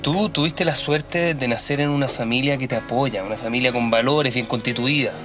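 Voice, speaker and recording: A man acting a serious, supportive father in a television soap, speaking in an earnest, measured and reassuring way. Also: medium pitch, natural voice. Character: supportive, serious father talking to his grown son. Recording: soap dialogue under clear music.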